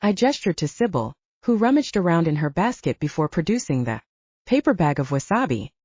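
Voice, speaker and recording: A woman narrating an audiobook in an expressive storytelling way. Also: lowish voice, a little fast, breathy edge, no echo. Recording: dull lo-fi.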